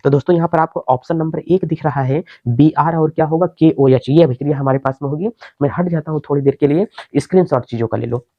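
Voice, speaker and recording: A man's voice: fairly high pitch, quick pace, hardly any pauses, dry recording, dull audio. A male teacher giving an exam-prep chemistry lecture, explaining step by step and answering his own questions.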